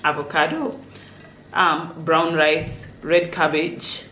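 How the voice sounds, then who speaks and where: A woman's voice: low-pitched, little pitch movement, slow pace, fairly bright tone. A woman in her thirties, hosting a casual chat over food, emphatic and chatty, laughing often. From Kenya. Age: 30s. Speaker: vlogger host. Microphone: camera mic. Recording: roomy echo with light noise.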